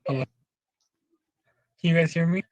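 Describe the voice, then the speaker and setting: A man's voice: a little high, moderate pace, no room sound, poor audio. A man asking a casual, word-searching question at a community meeting over a video call.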